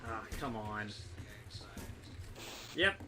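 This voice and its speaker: Over loud music, a man with a fairly low voice speaks animatedly, drawing out his words. He's a livestreamer offering dry, laid-back gameplay commentary, cursing freely and talking with viewers, picked up on a noisy, distant mic along with game sound.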